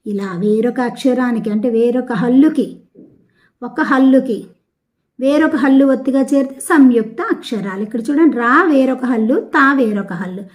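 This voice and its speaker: A woman from the Telugu-speaking south of India teaches a language lesson, taking each textbook word slowly and repeating its syllables so pupils can follow. Her voice sits a little high. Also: a little mellow. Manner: slow, deliberate, repeating words and syllables for pupils. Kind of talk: classroom lesson explaining a textbook exercise.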